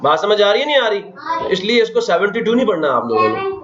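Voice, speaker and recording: In a quick, sing-song, somewhat bright high voice, this Pakistani math teacher lectures his class, often posing questions and counting places aloud. The room echoes, and the audio is dull and lo-fi.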